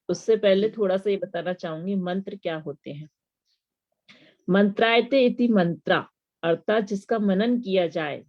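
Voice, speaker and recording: Woman teaching mantras, lo-fi sound. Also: on the low side. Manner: explanatory, rhetorical questions. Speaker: religious teacher. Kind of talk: devotional lesson on mantras.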